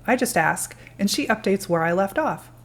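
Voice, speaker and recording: A woman's voice: mid-range voice, lively intonation, moderate pace, a bit bright. A woman presenting her own hobby tech project in a demo narration.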